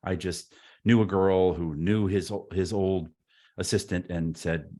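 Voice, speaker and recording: A man with a fairly low voice talks as a guest in a relaxed, wry way. His stories wander, full of restarts and fillers. The tone stays easygoing and unhurried. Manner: rambling with frequent restarts and fillers; laid-back, wry. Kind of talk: casual anecdotal storytelling.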